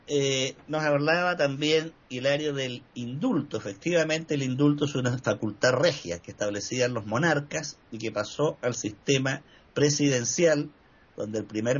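An older man speaking in a measured, discursive way on a discussion panel, often pausing on "eh". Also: mid-range voice, breathy edge, muffled recording. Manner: measured, discursive, with frequent "eh" fillers. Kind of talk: reflective discussion talk.

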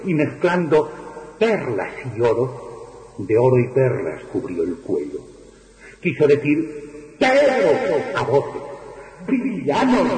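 Man declaiming verse in an echoey hall. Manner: declamatory, swinging from raised cries to hushed, sinking lows. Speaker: poetry reciter. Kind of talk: dramatic poetry recitation. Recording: echoey recording with long reverb.

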